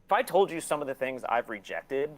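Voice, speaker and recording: A man in his forties who owns a record label and a museum talks as an interview guest, candid and casual, blunt and opinionated, and swearing often. His mid-range voice is very animated and fairly quick.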